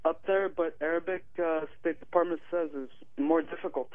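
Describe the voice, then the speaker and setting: On a dry recording over a tinny phone line, a Moroccan Arabic teacher and author is interviewed on the radio. He has a voice on the high side with fairly even intonation and a moderate pace. His answers are articulate, broken up by hesitant fillers.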